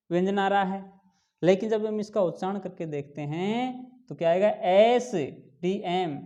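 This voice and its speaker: A man teaching a lesson, asking his students questions and answering them himself, and slowly drawing out each example word. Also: high-pitched, mellow. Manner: drawn-out slow pronunciation of examples. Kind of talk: classroom lesson explaining English grammar.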